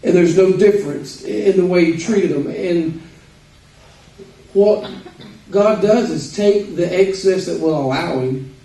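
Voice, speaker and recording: A man with an Arkansas accent giving an informal, folksy sermon with halting pauses. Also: sits high, creaky, mellow. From Arkansas, United States. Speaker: preacher. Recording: roomy echo, distant microphone.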